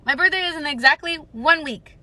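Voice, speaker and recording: A woman's voice: sits high, brisk, sharp tone, a little hiss or hum. A woman, reading a book aloud on a livestream and then chatting with viewers in a rambling way. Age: 20s. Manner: rambling and chatty, lots of filler words. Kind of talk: casual live chat and book reading.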